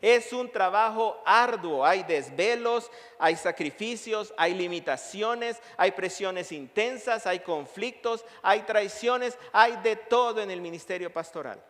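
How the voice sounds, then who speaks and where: A man's voice: high-pitched, unhurried, few pauses, fairly bright tone. A male pastor preaching a sermon, emphatic, building his points through long repeated lists. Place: church sanctuary. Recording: long reverb of a church hall.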